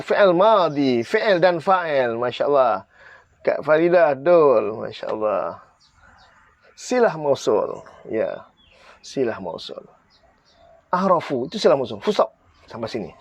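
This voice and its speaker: A man's voice: medium pitch, dry recording, highs cut off. A man with a Malaysian Malay accent teaching Arabic grammar in a live online class, quizzing viewers and pressing them to comment and answer.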